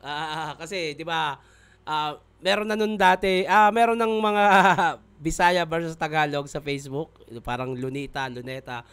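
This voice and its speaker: A man hosting a rap battle reaction video with casual commentary, excitable, swearing often and apologizing a lot. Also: fairly high pitch, a little slow, clean tone.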